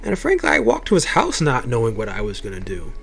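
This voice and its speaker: A man's voice: medium pitch, huge pitch swings, quick pace, gravelly, a bit bright, faint music behind. A young man telling his own life story to camera, swearing freely and stumbling over repeated words as he gets worked up.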